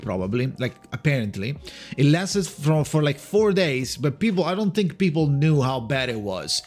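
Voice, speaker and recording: Rambling casual man over faint music. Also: medium pitch. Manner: hesitant, rambling, repeats words, swears casually. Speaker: video creator giving game news. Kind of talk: casual speculative commentary.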